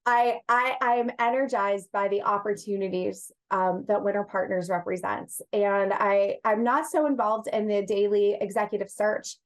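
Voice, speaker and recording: Speaking as an interview guest, this executive search partner and HR director discusses her work with earnest emphasis and repeated phrases. Her voice is medium-pitched with fairly even intonation, and she talks at normal speed with hardly any pauses.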